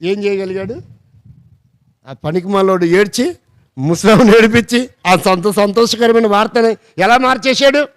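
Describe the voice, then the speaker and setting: A man's voice: high-pitched, normal speed, smooth, dry recording. A male pastor preaching a sermon, telling stories and acting out the dialogue with animation. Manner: animated, acts out dialogue in a rising voice. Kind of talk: sermon with storytelling.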